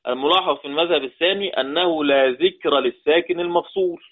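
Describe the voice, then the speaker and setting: An Egyptian man gives a lesson, going back over each point and checking that his students follow. His voice sits a little high for a man. The sound is thin and narrow, like a phone line. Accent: Egyptian Arabic. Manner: repeats points slowly, quizzes the class. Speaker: Quran recitation teacher. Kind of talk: classroom lesson. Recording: tinny phone-like audio.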